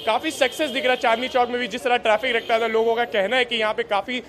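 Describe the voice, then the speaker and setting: A male reporter giving a hurried live report from a busy market street, repeating his phrases. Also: very high voice, fairly even intonation, a bit bright, slight background noise. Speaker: field reporter.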